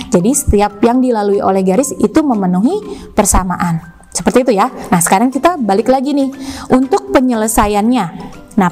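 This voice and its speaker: A woman's voice: a little high, a little mellow. A woman math teacher from Indonesia with a Jakarta accent, explaining graphs step by step in a recorded lesson, with frequent tag questions to her students.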